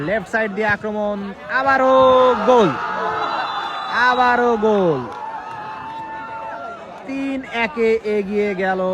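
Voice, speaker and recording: Male football commentator, high-pitched and frantic, live outdoors over a noisy crowd. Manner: frantic, repeats phrases, bursts into shouts on shots and goals. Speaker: football commentator at a village match. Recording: crowd noise, outdoor village field.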